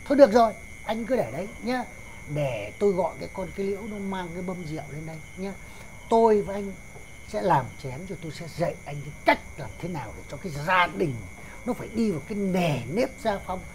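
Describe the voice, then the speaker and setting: A man's voice: sits high, animated, quick pace, a little mellow, a little hiss or hum. A man, playing a bossy older father-in-law who lectures in a slapstick sketch. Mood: lecturing.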